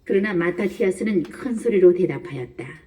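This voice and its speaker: A woman narrating a Bible reading in a calm, measured way. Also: on the low side, distant mic.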